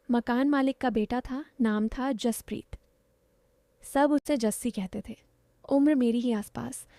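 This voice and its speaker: A young woman narrating a first-person romantic story in a soft, confiding, intimate way. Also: fairly high pitch, no echo. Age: young adult.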